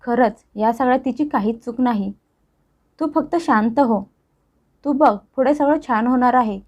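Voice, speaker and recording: A woman's voice: on the high side, normal speed, darkish tone, highs cut off, lightly acted. Troubled young husband, read by a woman. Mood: tense pleading. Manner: tense, pleading, defensive. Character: young married man, troubled and pressured son.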